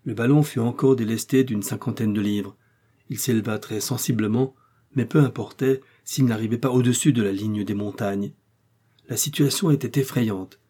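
A man reading an adventure novel aloud, in steady, measured audiobook narration. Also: medium pitch, husky. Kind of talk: scripted narration.

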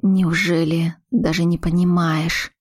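A woman voicing a stern, sharp-tongued older mother who speaks slowly and bluntly, as a read audiobook. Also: lowish voice, level tone, husky, dry recording, studio quality.

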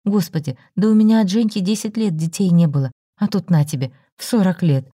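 A steady, level voice of a forty-year-old woman who keeps her composure and states things plainly, as a woman narrator puts her on. The tone is darker and mellow, recorded dry and close. She stays firm rather than loud. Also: lowish voice, fairly quick, slightly rough, no echo, pitched above the performer's own voice. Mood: exasperated. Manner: calm, firm, matter-of-fact.

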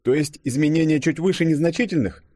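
A man voicing a curious young male agent who asks quick questions. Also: fairly high pitch, a little mellow, dry recording, studio quality, voice pushed up, lightly acted.

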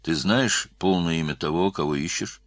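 A man's voice: deep voice, normal speed, no room sound, close to an everyday voice. A man playing a wry, teasing middle-aged artist in an audiobook. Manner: teasing, dry.

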